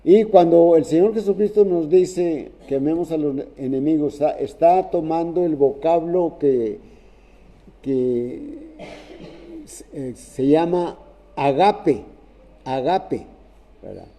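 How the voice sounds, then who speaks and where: A man preaching a sermon in a halting way, restarting phrases and often checking in with "¿verdad?". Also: fairly high pitch, warm tone.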